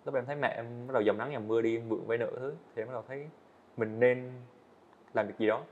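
Fast and steady in tone, this medium-pitched male voice belongs to an eighteen-year-old guest animator. He tells his story candidly and earnestly on a podcast, with hesitant restarts, recorded in an indoor studio with dull lo-fi sound.

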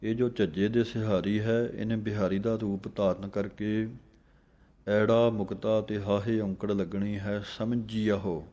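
A man teaching how to recite a scripture text, chanting each line slowly and then explaining where to pause. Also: lowish voice, level tone, mellow. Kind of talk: slow recitation lesson with pause instructions.

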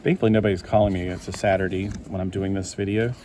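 Low and dark, this man's voice moves fast but stays level in tone. He's at an indoor table leafing through a collector magazine, casually rambling to himself and quick to be delighted, with a little hiss or hum in the recording.

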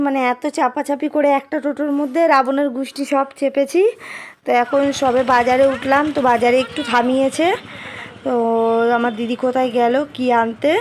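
Hoarse middle-aged woman, chatty phone vlogger, a bit high-pitched. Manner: chatty, walking and pointing things out. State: hoarse from a cold. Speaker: family vlogger. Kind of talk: casual vlog narration.

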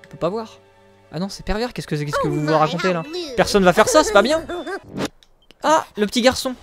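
High-voiced man joking over gameplay. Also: a little fast, music in the background. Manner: joking, crude and self-mocking, often laughing; excitable, exclaims at the game. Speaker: streamer. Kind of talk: live gameplay commentary.

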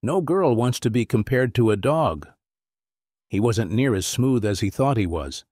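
A man narrating a first-person story in a plain, steady reading voice. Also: medium pitch, measured pace, dry recording, studio quality. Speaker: audiobook narrator.

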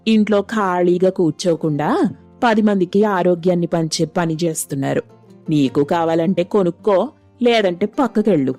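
A woman's voice: lowish voice, moderate pace, mellow, faint music behind, pitched below the performer's own voice, close to an everyday voice. A woman voicing a firm, commanding older mother-in-law in a cartoon story. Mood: proud.

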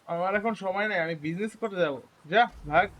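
A man talks his viewers through a hunting game in a casual, rambling way. His voice sits high, and he repeats words when something happens. A faint hum of ambience stays under his voice. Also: normal speed. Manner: chatty, addresses viewers as guys, repeats words excitedly. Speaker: gaming YouTuber. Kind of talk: casual gameplay commentary.

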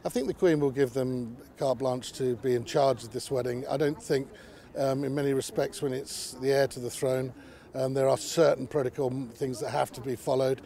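A man offers conversational commentary in an interview. His voice is mid-pitched, soft-edged and noticeably creaky, and he talks in a measured, slightly hesitant way. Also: fairly even intonation. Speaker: royal commentator.

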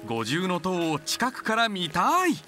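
A man's voice: high voice, wildly swooping pitch, takes it slowly, bright, forceful tone. A man reading scripted travel show narration in a playful, exclamatory way. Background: music.

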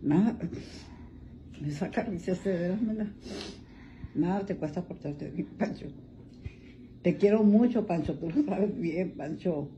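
An older woman scolds and coddles her pet in turn, heaping pet names on it. Her voice is very dark and mellow. The home video sounds muffled, with faint noise underneath. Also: lowish voice, measured pace, long pauses. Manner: scolding yet doting, full of pet names. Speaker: dog owner. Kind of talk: casual talk to a pet.

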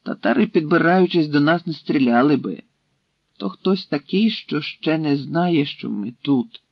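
A man's voice: fairly high pitch, lively intonation, a little slow, no room sound. A man voicing a stern Cossack leader who questions and threatens a captive in a commanding way, in a dry, slightly dull recording.

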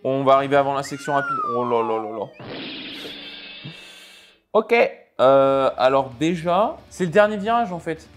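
A man giving casual, expressive commentary over racing game clips. He talks in halting bursts with many fillers and reacts aloud to the crashes. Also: on the high side. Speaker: sim racing video creator.

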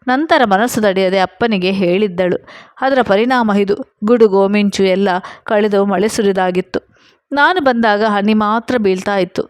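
A woman narrating a first-person story, reading out the quoted dialogue in her steady storytelling voice. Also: mid-range voice, measured pace, clear, resonant tone, dry recording, clean studio sound.

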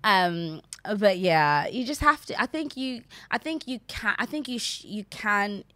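A woman's voice: mid-range voice, unhurried, no room sound. A woman in her twenties from Zambia, chatting animatedly as an interview guest on a podcast mic in a small studio. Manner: animated, gestures a lot while talking. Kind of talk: casual interview chat. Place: small studio set, indoors. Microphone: desk podcast mic.

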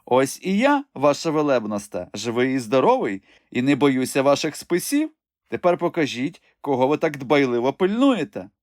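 A man's voice: mid-range voice, very animated, normal speed, a little mellow, no room sound, studio quality, pitched above the performer's own voice, natural voice. A man voicing a bold, cheerful outlaw leader with a ringing, jaunty voice. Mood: mocking.

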